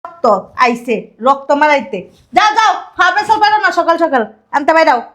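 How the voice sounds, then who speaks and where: An actress playing a sharp-tongued middle-aged stepmother who scolds sarcastically. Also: high-pitched, lively intonation. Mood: scolding. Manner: scolding, sarcastic, rapid retorts.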